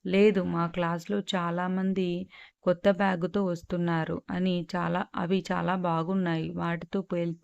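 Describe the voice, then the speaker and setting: A woman's voice: lowish voice, little pitch movement, moderate pace, creaky, darkish tone, smooth, dry recording, highs cut off. A woman voicing a stubborn, demanding young schoolgirl in a read-aloud story, with a pouty, insistent tone.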